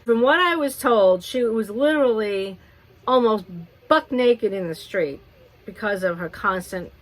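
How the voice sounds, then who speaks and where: A woman beauty vlogger telling a rambling, animated story while doing her makeup. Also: medium pitch, low-quality recording. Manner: rambling, animated retelling with restarts. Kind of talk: chatty get-ready-with-me storytime.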